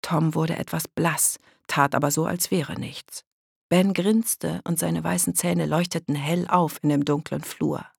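An audiobook narrator reads a children's story at a steady, even pace. The voice is husky with a gravelly edge. The recording is dry and close. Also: medium pitch, measured pace, no echo. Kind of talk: scripted children's book narration.

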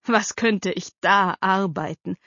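A woman voicing a weary middle-aged father who speaks calmly and resignedly, in a storybook reading. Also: mid-range voice, takes it slowly, no echo. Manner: calm, resigned. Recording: slightly dull dry recording.

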